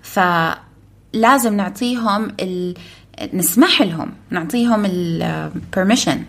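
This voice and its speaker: A woman's voice: mid-range voice, vocal fry, a bit bright. A woman co-hosting a casual parenting chat, telling practical anecdotes from her own family. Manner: brisk, practical, tells anecdotes from family life. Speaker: podcast co-host, mother.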